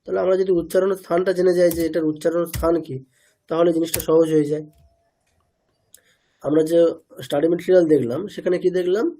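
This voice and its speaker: A man's voice: fairly high pitch, steady tone, quick pace, long pauses, mellow. A man teaching pronunciation in an online class, asking students questions, repeating their answers and sounding out syllables again and again. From India.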